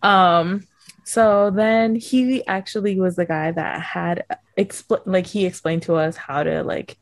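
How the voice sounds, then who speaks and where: An American woman co-hosting a podcast, telling a story in a chatty, animated way, full of "like" fillers and quoted exchanges. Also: on the low side, slow pace, no room sound. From United States. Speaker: podcast co-host. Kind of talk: casual storytelling chat.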